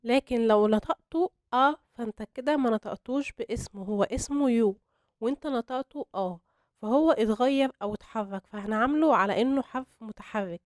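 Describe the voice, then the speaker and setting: A young woman with an Egyptian Arabic accent teaching English grammar to beginners, explaining step by step and slowing down on her examples. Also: fairly high pitch, dry recording, studio quality. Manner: patient, step-by-step explanation with slow spelled-out examples.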